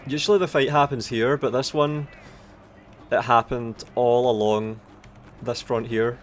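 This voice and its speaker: An esports tournament commentator with an Aberdonian Scottish (Doric) accent gives casual, sweary live commentary on a strategy game, thinking aloud haltingly. His voice is medium-pitched with fairly even intonation, and battle ambience from the game plays in the background.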